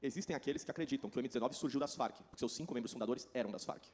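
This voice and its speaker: A man with a Brazilian Portuguese accent interpreting a speech consecutively, delivering a rapid running translation. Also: medium pitch, a little mellow.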